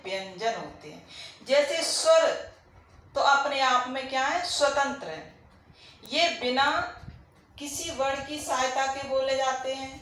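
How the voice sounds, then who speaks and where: A woman's voice: high-pitched, fairly bright tone. A woman teaching a grammar lesson. She asks questions and answers them herself, and she repeats the key points. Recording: very echoey room, faint background noise.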